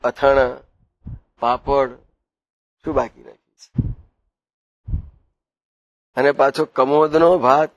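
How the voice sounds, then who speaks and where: A medium-pitched male voice, recorded with no echo, belongs to a devotional preacher. His discourse is built around storytelling, and he keeps asking his listeners questions.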